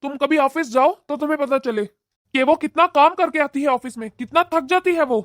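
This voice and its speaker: A woman's voice: high voice, moderate pace, no room sound, clean studio sound, natural voice. A woman voicing an irritable young husband. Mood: scolding. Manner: scolding, irritable. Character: young married son, sharp-tempered.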